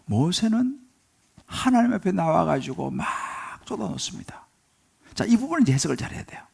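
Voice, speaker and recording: Male pastor, high gravelly voice, dramatic sermon with pleading outbursts and hushed asides. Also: big pitch swings, brisk. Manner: dramatic, acts out pleading prayers, drops to whispers. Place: church sanctuary.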